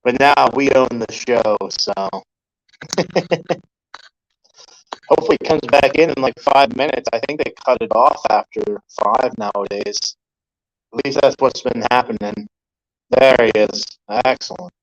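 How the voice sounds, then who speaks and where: A man's voice: medium pitch, measured pace, pauses often. Joking man on a lo-fi stream. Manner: joking, self-deprecating. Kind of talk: casual chat.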